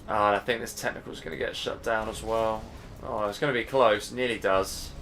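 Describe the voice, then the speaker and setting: A man's voice: lowish voice, fairly even intonation, brisk, creaky, a bit bright, slight background noise. A man casting a live strategy game match, chatty and casual, thinking aloud and sounding tired. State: tired, yawning. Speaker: game caster.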